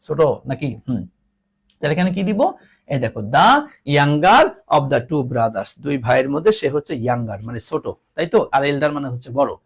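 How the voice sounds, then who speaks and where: A man's voice: mid-range voice, animated, normal speed, creaky. A man teaching an English grammar class, repeating each word and teasingly scolding his students. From Bangladesh.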